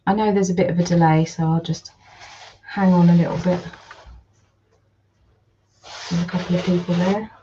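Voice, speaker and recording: A woman with a Geordie accent, slightly croaky, chatting in a rambling casual way while she irons during a livestream at home, greeting viewers by name. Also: fairly low pitch, fairly even intonation, fast, mellow, lo-fi sound, a little hiss or hum. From North East England. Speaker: livestream host and online seller.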